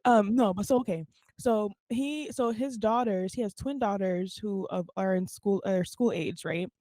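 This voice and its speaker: A young woman talks in a warm, mellow voice. She's co-hosting a podcast, animated and quick to laugh. The mic sounds close and dry, with no room behind her. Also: mid-range voice, no echo. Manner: animated storyteller, laughs often. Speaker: podcast co-host. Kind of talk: casual chat.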